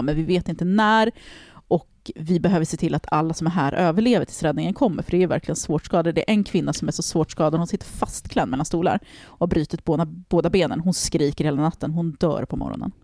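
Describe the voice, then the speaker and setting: Gravelly-voiced woman, casual podcast storyteller, lively and swearing, dry close mic. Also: low voice, hardly any pauses, no echo. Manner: animated, swearing, acts out quoted people. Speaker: podcast host telling a story.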